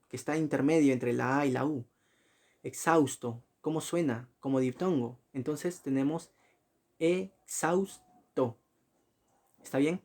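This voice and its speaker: A man's voice: fairly high pitch, darkish tone. Man teaching, checking in with "sí?". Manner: frequent checking questions, self-corrections; slow, spelled-out examples. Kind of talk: recorded slide lecture.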